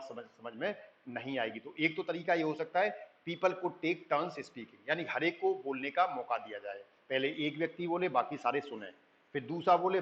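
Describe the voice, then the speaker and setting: A man lecturing, explaining in Hindi and slowly reading English lines from slides, often checking with "thik hai". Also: a little high, fairly bright tone, highs cut off. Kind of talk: recorded lecture.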